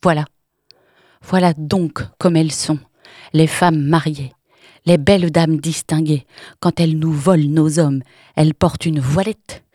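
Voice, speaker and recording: Woman voicing a jealous young woman, harsh, loud, sneering, low husky voice, dry sound, audiobook. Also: fairly even intonation, unhurried, no room sound. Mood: mocking. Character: coarse jealous young woman, mocking and hostile. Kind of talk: audiobook reading.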